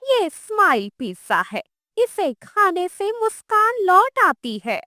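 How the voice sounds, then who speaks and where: A woman voicing a mysterious female witch who sells pizza in a cartoon story, speaking slowly and soothingly. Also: very high-pitched, big pitch swings, pushed and bright, no room sound, clean studio sound, voice pushed up, heavily acted. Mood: calm, knowing. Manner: slow, soothing, knowing.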